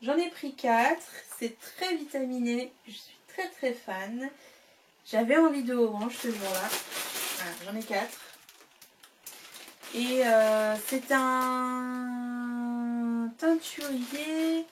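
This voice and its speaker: A woman with a fairly high voice talks casually to the camera as a knitting vlogger. She chats freely, with fillers and soft laughs. The mic sits a bit away from her, with faint background noise. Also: slow pace, pauses often, far from the mic. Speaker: knitting vlogger showing yarn purchases.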